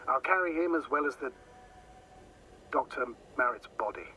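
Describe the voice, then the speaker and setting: An actor voicing a male mission operator in a video game who talks in a measured, instructive way and thinks aloud. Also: medium pitch, lively intonation, sharp tone, slight background noise, low-quality recording. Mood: steady. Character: steady male mission operator guiding a teammate. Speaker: remote mission operator on the radio. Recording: game audio with music under.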